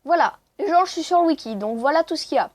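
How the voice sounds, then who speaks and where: A woman's voice: high voice, expressive, quick pace, darkish tone, no room sound. A woman casually commenting on her own gameplay, chatty and self-mocking. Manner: chatty, self-mocking, lots of "voilà" fillers. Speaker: let's play host.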